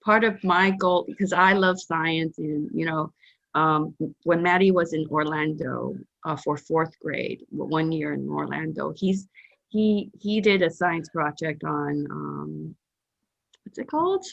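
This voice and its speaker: A Taiwanese woman hosts a casual interview over a video call, rambling with lots of fillers and restarts. Her voice is deep, unhurried and creaky with a fairly bright tone. The call audio is dull and lo-fi.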